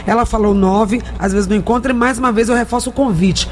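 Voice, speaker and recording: A woman's voice: on the high side, fast talker, darkish tone. A woman, hosting a live radio phone-in and talking to listeners. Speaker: radio host taking listener calls. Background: music.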